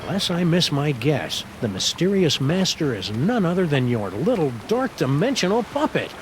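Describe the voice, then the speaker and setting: A man's voice: on the high side, big pitch swings, normal speed, a little hiss or hum. An actor playing a level-headed male dog detective in a cartoon video game, with wry, wordy wit. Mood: concerned.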